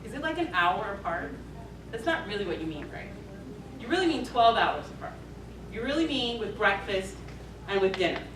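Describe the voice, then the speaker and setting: A woman's voice: medium pitch, sing-song, moderate pace. A woman giving an emergency medicine grand rounds lecture, emphatic and checking in with "right?". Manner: emphatic, keeps asking "right?". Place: lecture hall. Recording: echoey hall, mic far off, noisy.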